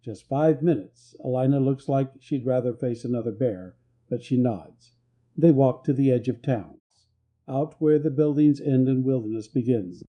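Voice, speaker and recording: A man narrating a scripted story in a calm, measured way. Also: medium pitch, lo-fi sound.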